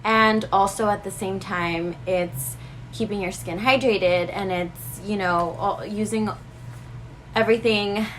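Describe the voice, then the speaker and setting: A woman's voice: medium pitch, fairly even intonation, takes it slowly, a bit bright, slight background noise. A woman in her twenties talking animatedly to the camera in a casual skincare vlog, slipping in Spanish phrases now and then. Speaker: beauty vlogger.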